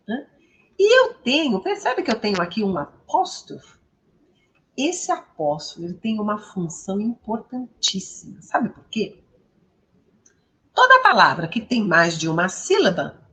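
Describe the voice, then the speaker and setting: A Brazilian woman teaching English pronunciation, patiently repeating each model word slowly and clearly. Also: mid-range voice, fairly bright tone. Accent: Brazilian Portuguese. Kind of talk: pronunciation lesson.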